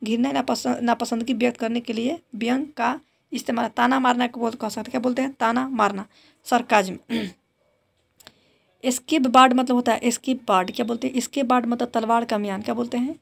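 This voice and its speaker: Woman drilling vocab, gravelly. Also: a little high, fairly even intonation, a little fast. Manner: repeats each word with a drilling "what do we call it?"; mixes Hindi explanations with read-out English definitions. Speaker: English teacher. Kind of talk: exam vocabulary lesson.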